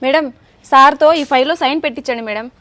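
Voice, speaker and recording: A woman's voice: high voice, quick pace, a bit bright. A woman acting as a chatty, polite office worker in a comic sketch. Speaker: office employee in a comedy skit.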